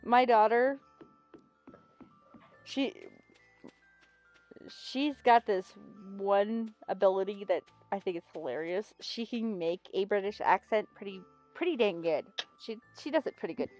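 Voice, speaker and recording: Middle-aged lady chatting while she plays a game, emphatic and chatty, soft game music behind her. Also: medium pitch, animated, a little slow. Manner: chatty and emphatic, with playful storytelling. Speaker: gaming host. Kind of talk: casual chat while streaming a game.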